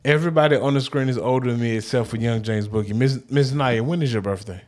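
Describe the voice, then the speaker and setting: A man's voice: mid-range voice, quick pace. A man in his late thirties co-hosting a podcast, teasing and cursing in casual banter. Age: late 30s. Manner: teasing, profane, lively. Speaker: podcast co-host.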